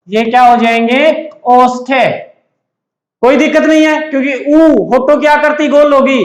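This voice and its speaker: A man giving an exam-prep lecture, asking and answering his own questions over and over. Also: very high voice. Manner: repetitive call-and-answer teaching. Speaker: teacher. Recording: echoey room.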